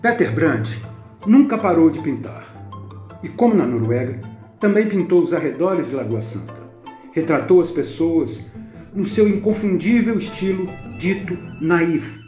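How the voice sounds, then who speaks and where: A documentary narrator reads the script in a steady, measured way. His voice is a touch high but mellow and warm. The narration sounds roomy, over soft instrumental music.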